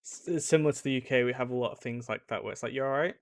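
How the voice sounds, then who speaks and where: A British man gives his casual reactions at a mid pitch, rambling and restarting his sentences. His voice is recorded close and dry. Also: racing, no room sound. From United Kingdom. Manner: rambling, many fillers and restarts. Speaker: reaction video host.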